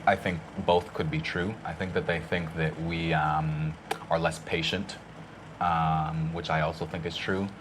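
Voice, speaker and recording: A man's voice: low voice, a little hiss or hum. A man in his twenties, a podcast guest, talking earnestly and reflectively in casual conversation. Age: 20s. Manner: earnest, reflective, storytelling with laughs.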